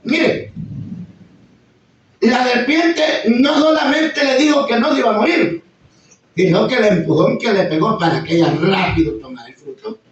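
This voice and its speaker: A man preaching a sermon, bursting into sudden high exclamations and acting out quoted voices. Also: normal speed. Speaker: pastor. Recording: echoey far-off room mic, slightly dull, faint noise.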